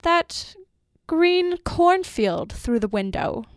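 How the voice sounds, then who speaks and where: A woman voicing a weary old father who speaks calmly and dreamily with stately courtesy, in a dry close recording. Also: on the high side, measured pace, no echo, lightly acted. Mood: dreamy.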